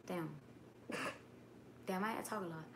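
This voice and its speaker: Her voice is lowish and fairly bright, and she speaks slowly. A young woman of Dominican heritage, she livestreams from bed at night wrapped in a blanket, reading viewer comments in chatty slang with plenty of swearing, using a webcam or phone at arm's length.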